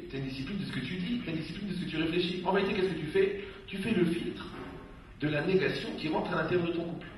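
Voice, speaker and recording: A rabbi giving a humorous talk to a dinner audience, telling stories and acting out the people he quotes. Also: fairly high pitch. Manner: lively storyteller, acts out quoted people. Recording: echoey hall, distant mic, faint noise.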